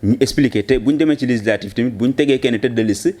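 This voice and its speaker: A man, arguing political points quickly in a discussion, mixing in French. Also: medium pitch, a little mellow. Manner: fast, argumentative, mixes French into Wolof. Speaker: political commentator.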